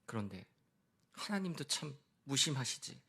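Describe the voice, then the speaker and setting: A male pastor giving a sermon, animated, moving between hushed and raised voice and addressing the congregation directly. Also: medium pitch, normal speed, creaky, breathy edge.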